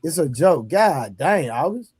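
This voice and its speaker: A man's voice: on the high side, big pitch swings, a little slow, a little mellow, breathy edge. A man in his forties on a debate panel, joking and teasing the host. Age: 40s.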